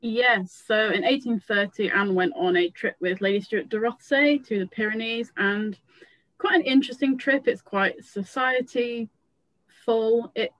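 A woman's voice: a little high, measured pace, fairly bright tone, no echo, low-quality recording. A woman giving explanatory remarks as a panelist.

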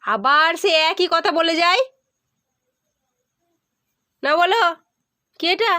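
A high-pitched woman tutors a small child at home, her voice bright and ringing. She coaxes and repeats her questions, then sighs and scolds as her patience wears thin. The sound is close and dry. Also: expressive, slow pace, dry recording. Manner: coaxing then exasperated, sighing and scolding. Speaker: mother tutoring her young son.

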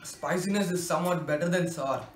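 A man's voice: fairly high pitch, a little fast. A teenage male chatting casually to camera as he hosts a food challenge. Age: teens. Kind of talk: casual chat to camera while tasting. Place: small bare room indoors. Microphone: camera a short distance away. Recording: echoey room, faint hiss, distant camera mic.

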